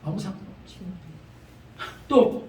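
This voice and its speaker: A man's voice: slow pace, dark tone. A man preaching a revival sermon as a pastor, telling humorous stories with chuckles and emphatic repetition. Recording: echoey prayer-house hall from far off.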